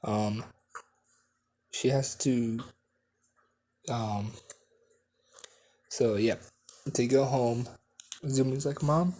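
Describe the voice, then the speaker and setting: Man, improvised fan story, slow, hesitant, many fillers, recorded at home. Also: mid-range voice, steady tone, warm tone.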